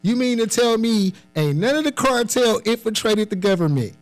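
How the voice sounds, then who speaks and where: A man's voice: sits high, lively intonation, moderate pace, faint music behind. A man in a casual group debate, speaking emphatic slang and repeating phrases to drive his point.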